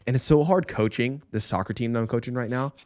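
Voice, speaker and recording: A man's voice: medium pitch, fast talker, no echo. A man in his thirties, co-hosting a casual parenting podcast and acting out his kids and himself as he tells stories. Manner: animated storyteller who acts out kids and himself. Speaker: podcast co-host.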